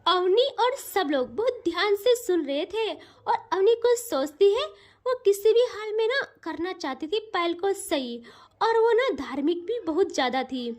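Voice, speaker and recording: A woman narrating a romantic story in a chatty, expressive way. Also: very high-pitched.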